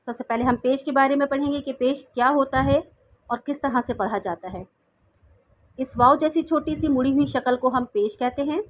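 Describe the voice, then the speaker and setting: A woman teaching Quran recitation, enunciating each syllable slowly and distinctly. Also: high-pitched. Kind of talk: slow, careful recitation lesson. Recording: tinny phone-like sound.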